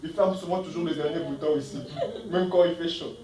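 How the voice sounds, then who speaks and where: High-voiced preaching man, echoey church. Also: fairly even intonation, fairly quick, far from the mic, crowd noise. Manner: emphatic, asks the congregation questions; reads scripture verses aloud between comments. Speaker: pastor. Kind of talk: sermon.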